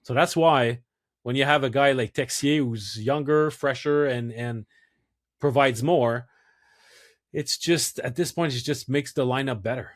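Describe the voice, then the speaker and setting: A man co-hosting a hockey podcast, analyzing in a thoughtful, halting casual way. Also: mid-range voice. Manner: thoughtful, restarts and hesitations.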